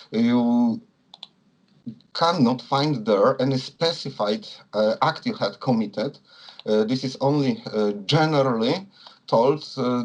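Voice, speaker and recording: A man from Poland with a Polish accent, a non-native speaker answering interview questions in a hesitant, halting way, searching for words. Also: mid-range voice, poor audio. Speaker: interviewee, communist political activist.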